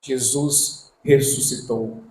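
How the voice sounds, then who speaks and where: A man preaching a sermon as pastor, reading scripture slowly and emphatically and calling for responses. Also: medium pitch, steady tone, a little mellow, slight background noise. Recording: echoey room.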